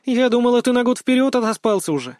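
Cheeky schoolgirl voice, guy doing it, high and chatty, dry close mic. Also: animated, darkish tone, no room sound. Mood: teasing. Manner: teasing, rapid-fire questions.

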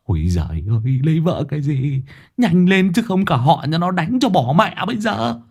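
A man's voice: fairly high pitch, big pitch swings, moderate pace, gravelly, voice pushed up, heavily acted. A man voicing a sly, roguish middle-aged exorcist who mumbles sheepishly and talks his way out of trouble. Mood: panicky.

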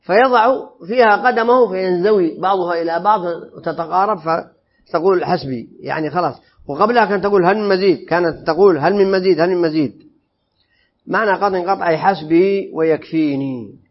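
A man with a fairly high voice teaches a classroom religious lesson. He explains each phrase and keeps checking his listeners with quick questions. The recording sounds dull and lo-fi. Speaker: Islamic creed teacher.

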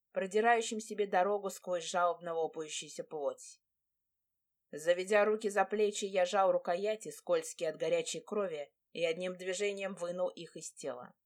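A woman reading a first-person fantasy romance audiobook in a measured, dramatic way. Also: fairly low pitch. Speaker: audiobook narrator.

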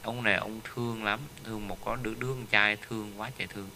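A man's voice: on the low side, fairly even intonation, fast, sharp tone, slight background noise. A man giving a Buddhist dharma talk, telling a story and often asking his listeners "right?". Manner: storytelling, with frequent rhetorical "right?" tags. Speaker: Buddhist teacher.

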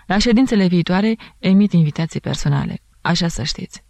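A woman's voice: on the low side, animated, creaky, a little mellow, no room sound. A woman voicing a stern, commanding male court president in an audiobook. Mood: exasperated.

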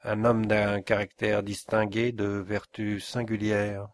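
A man's voice: on the low side, flat delivery, slow pace. A man voicing a stern, angry older forest inspector and father in an audiobook, talking in an indignant, threatening way. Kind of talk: audiobook character voice.

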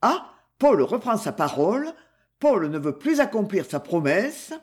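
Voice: mid-range voice, sing-song, unhurried. A reader doing an indignant old colonel. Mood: stern. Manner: clipped and indignant. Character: stern old male colonel, quick to anger. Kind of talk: audiobook character reading.

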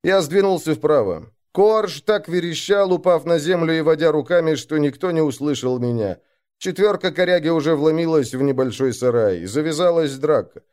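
A man narrating a dark first-person adventure story, slowing down and raising his voice for the shouted lines of other characters. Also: fairly high pitch.

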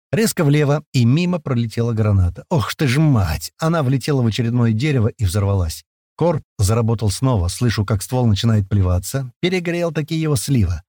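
Male narrator, lively action storytelling. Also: medium pitch, no echo, studio quality. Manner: shouts the characters' lines, tense and rough. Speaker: audiobook narrator. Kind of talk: first-person action audiobook narration.

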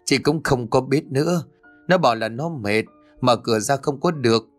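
A man's voice: mid-range voice, normal speed, soft background music, close to an everyday voice. A man voicing an anxious middle-aged mother who pleads with breathless urgency in an audio horror story. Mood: pleading.

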